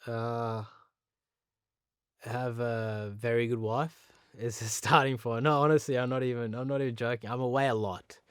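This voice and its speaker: A man in his thirties, born in Pakistan and raised in Sydney, speaks with an Australian accent in a mid-range, steady voice at a normal pace. The studio-quality recording is smooth with no echo. He's an interview guest talking candidly, earnest and chatty, now and then laughing at himself.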